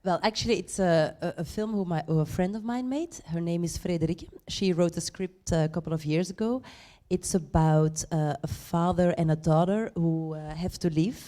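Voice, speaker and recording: A woman's voice: on the low side, normal speed, hardly any pauses, dark tone. A woman from Belgium, an actress answering interview questions in a friendly, easygoing way. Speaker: actress guest.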